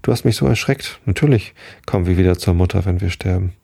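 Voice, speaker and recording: A man's voice: low-pitched, fast talker, vocal fry, mellow, husky, full character voice. Man doing earnest little girl, storybook. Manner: earnest, plaintive child voice.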